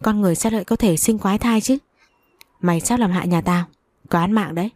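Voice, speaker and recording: A woman's voice: mid-range voice, fast, darkish tone, dry recording, close to an everyday voice. Woman reading as a cruel scheming old mother-in-law. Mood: menacing. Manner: scolding, commanding.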